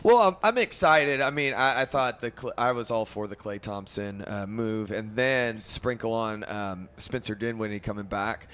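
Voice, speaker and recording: Bright-voiced man talking sports. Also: on the low side, clean tone. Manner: enthusiastic, halting, repeats himself. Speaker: podcast co-host. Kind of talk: casual sports talk.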